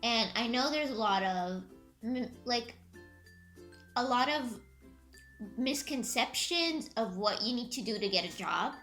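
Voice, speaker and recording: Bright upbeat young woman vlogger. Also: on the high side, expressive, measured pace, pauses often. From Egypt. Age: 20s. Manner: chatty, upbeat, laughs often. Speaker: YouTuber. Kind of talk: casual vlog storytelling. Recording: music faintly behind.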